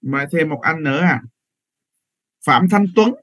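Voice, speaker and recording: A man's voice: on the high side, animated, a little slow, fairly bright tone, poor audio. A man teaching English pronunciation in a live online class, repeating words patiently and correcting learners over a computer microphone.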